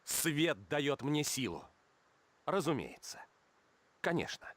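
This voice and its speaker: An actor playing a noble, confident young paladin prince in a video game, proud and declamatory. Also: male voice, a little high, very animated, takes it slowly, fairly bright tone, no room sound, full character voice. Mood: proud, resolute. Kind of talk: heroic video game character lines.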